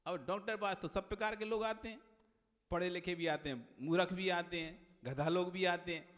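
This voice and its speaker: A male Jain monk giving a sermon, telling a humorous story with animated delivery. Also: high-pitched, normal speed. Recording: long hall reverb.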